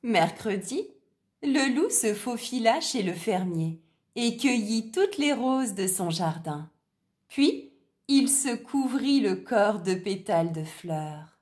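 A woman reading a children's story aloud in a gentle, deliberate way. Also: medium pitch, animated.

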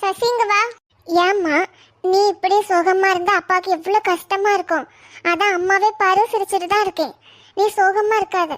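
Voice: fairly even intonation, normal speed, a bit bright. Someone voicing a caring cartoon mom. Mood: soothing. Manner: soothing, motherly scolding. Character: caring cartoon mother, gentle and busy. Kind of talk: animated cartoon dialogue. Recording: pitch-modulated with audio tools.

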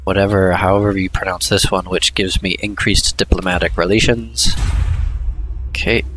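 A man giving casual let's-play commentary, thinking aloud in an unhurried way with hesitant asides. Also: low-pitched, steady tone, fairly bright tone, a little hiss or hum. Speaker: gameplay commentator.

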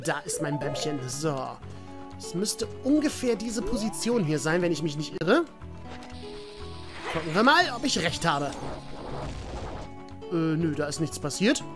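A woman commenting on her own video game play in a chatty way, talking to her viewers and cursing the enemies. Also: on the low side. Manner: chatty, addresses viewers as "ihr Lieben", mild swearing at enemies. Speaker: let's player.

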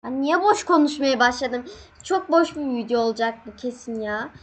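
A young woman casually commenting on her gameplay, excitable, laughing and yelping when scared. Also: high-pitched, normal speed. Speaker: gaming channel host.

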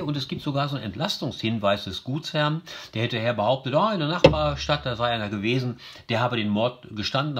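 A man's voice: medium pitch, fairly bright tone. Chatty man explaining a novel. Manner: chatty, many fillers and tag questions, reads quotes aloud. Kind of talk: informal lesson narration.

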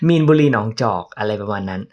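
A man's voice: fairly low pitch, animated, normal speed. Playful chatty man doing a makeup vlog. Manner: playful, chatty, laughs at himself. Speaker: makeup vlogger. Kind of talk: casual makeup tutorial vlog.

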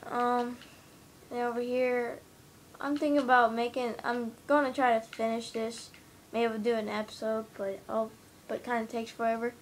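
A woman's voice: on the high side, little pitch movement, moderate pace, slight background noise. Rambling woman touring a game build. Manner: rambling, hesitant, many fillers. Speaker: gamer giving a tour of a game build. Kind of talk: casual gameplay walkthrough. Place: home room, in front of a TV. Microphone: handheld camera filming the TV screen.

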